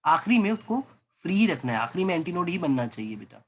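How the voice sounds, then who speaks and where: A man's voice: high-pitched, big pitch swings, quick pace. A man teaching physics in a lecture, coaxing students along and voicing their doubts as questions. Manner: coaxing, voices student doubts, calls listener beta. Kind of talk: classroom lecture.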